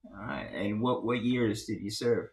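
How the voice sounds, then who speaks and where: A man's voice: on the low side, measured pace, gravelly, darkish tone. A man hosting an interview, asking friendly, curious questions. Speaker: host.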